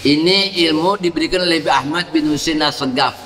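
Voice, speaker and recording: Preacher in an echoey mosque hall. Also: male voice, a little high, fairly quick, a bit bright, slight background noise. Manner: demonstrating prayer gestures, teaching a chant for the congregation to repeat. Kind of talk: mosque sermon. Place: mosque during dawn congregation.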